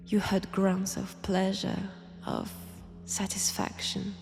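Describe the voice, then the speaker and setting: In an intimate audio roleplay, a woman plays a seductive yet menacing ancient vampire. She speaks with a French accent in a breathy, mid-range voice of darkish tone, often dropping to a whisper.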